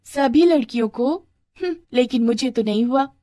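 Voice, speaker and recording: Brief: woman doing a spoiled rich schoolgirl bully, scornful and mocking, a little higher than usual, dry close sound. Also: moderate pace, warm tone, no room sound, natural voice. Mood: sneering.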